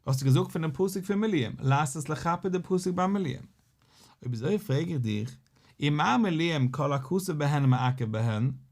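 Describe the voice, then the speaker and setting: A man with a Yiddish accent giving a Talmud lesson as a rabbi, in a rising and falling study cadence. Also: on the high side. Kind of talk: Talmud lecture.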